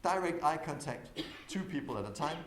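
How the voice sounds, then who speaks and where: A man gives a talk in a windowless conference hall, drawing the audience in with questions. His voice moves between loud, waking bursts and low, calm stretches. The hall adds an echo, with a faint hum of noise underneath. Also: a little fast. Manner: engaging, quizzes the audience, swings from loud to soft. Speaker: conference speaker.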